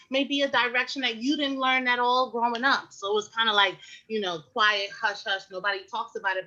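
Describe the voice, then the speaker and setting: A woman health educator talks frankly and animatedly, tossing in rhetorical questions and fillers. Her voice is bright and forward. The recording is muffled and lo-fi. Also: a little high. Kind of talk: casual conversational advice.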